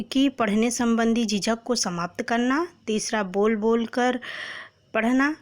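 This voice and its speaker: A woman teacher giving an exam prep lesson, reading out quiz questions, numbering each option and then announcing the correct answer. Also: a little high.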